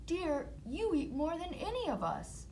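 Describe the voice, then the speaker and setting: A woman voicing a gentle, protective male woodcutter, mild but emphatic, in a children's storybook. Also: extremely high pitch, wildly swooping pitch, unhurried, a little hiss or hum, voice pushed up, heavily acted. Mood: placating.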